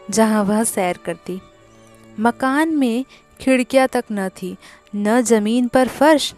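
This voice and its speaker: A woman narrating a classic short story as a storyteller, with a measured, deliberate reading. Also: a little high.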